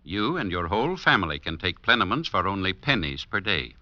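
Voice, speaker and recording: An actor playing a reassuring family druggist in a chipper 1950s radio advertisement, with a polished sales delivery. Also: male voice, sits low, sing-song, fairly quick, pushed and bright, dry recording, heavily acted. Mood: upbeat, reassuring. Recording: muffled old radio recording.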